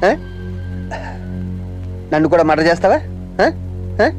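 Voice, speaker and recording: An actor playing a menacing, contemptuous police officer who taunts and threatens in a film scene. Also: male voice, fairly high pitch, lively intonation, unhurried, soft background music. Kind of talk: film acting. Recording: loud film score behind.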